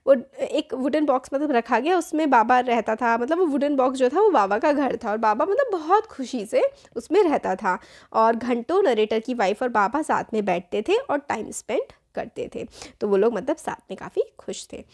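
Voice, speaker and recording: A woman's voice: sits high, animated, normal speed. A young woman teaching a class lesson in a casual, explanatory way, often rephrasing herself. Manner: explains in Hindi mixed with English terms, rephrases with "matlab". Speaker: teacher, channel host.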